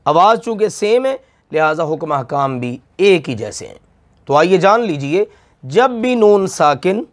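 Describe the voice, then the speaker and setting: Slow, high-voiced man teaching recitation. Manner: patient, repeats each rule and quizzes the listener. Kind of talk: slow Tajweed lesson with drawn-out recitation.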